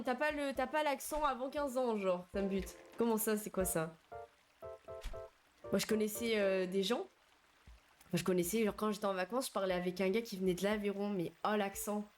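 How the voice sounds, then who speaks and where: A young woman talks casually to her stream chat while she plays a game, picking up viewers' messages in a chatty, slangy way. Her voice sits at a middle pitch for a woman. Soft game music plays faintly behind her.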